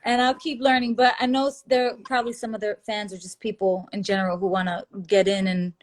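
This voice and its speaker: A woman guest in a casual video chat, speaking haltingly with many restarts and fillers. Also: mid-range voice, little pitch movement. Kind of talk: casual conversation.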